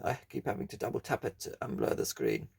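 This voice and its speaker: A man's voice: on the low side, wildly swooping pitch, quick pace, vocal fry, a little mellow, husky. A man giving rambling, self-mocking commentary over his own gameplay. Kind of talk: casual let's-play commentary.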